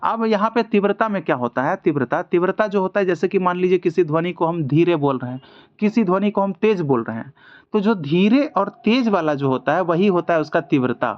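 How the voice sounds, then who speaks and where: A man with a high-sitting voice teaches an online multiple-choice lesson for a music exam, working through each question step by step and asking himself rhetorical questions as he explains. He sounds expressive and brisk, though the recording is muffled.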